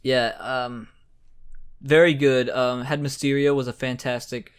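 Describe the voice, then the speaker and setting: A man co-hosting a casual chat, talking in a relaxed way with many fillers. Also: medium pitch, a little slow, clean tone. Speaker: co-host.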